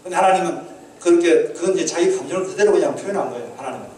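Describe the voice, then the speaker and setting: A man's voice: fairly high pitch, very fast, mellow. A man preaching a sermon as pastor, earnestly asking the congregation questions and acting out quoted prayers. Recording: echoey hall, mic at a distance.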